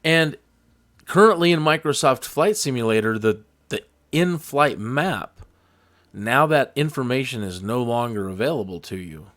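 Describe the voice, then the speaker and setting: A man's voice: mid-range voice, expressive, measured pace, fairly bright tone. A man hosting a flight simulator tutorial, talking in a casual, rambling, jokey and folksy way.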